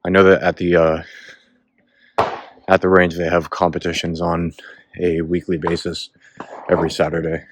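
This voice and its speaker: Out-of-breath man with a very deep voice, rambling on a hike. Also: monotone, normal speed, long pauses. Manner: rambling, laid-back, lots of filler words. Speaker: vlogger. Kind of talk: casual vlog talk while hiking. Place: outdoors on a hiking trail. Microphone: self-filming camera. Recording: noisy outdoor recording, gunfire. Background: distant gunfire from a shooting range.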